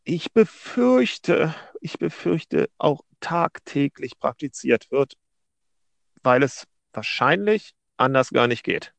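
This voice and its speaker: A middle-aged man from Berlin co-hosting a podcast, arguing a legal point in a deliberate, wry way with many restarts. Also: a little high, animated, vocal fry, no echo. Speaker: podcast co-host, legal adviser. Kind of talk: casual podcast discussion.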